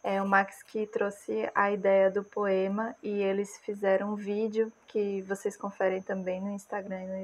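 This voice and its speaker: A Brazilian woman in her thirties, a music producer with a Brazilian Portuguese accent, casually explains how she built a track. Her mid-range voice is calm, measured and unhurried. She was recorded on an earphone mic in a small room.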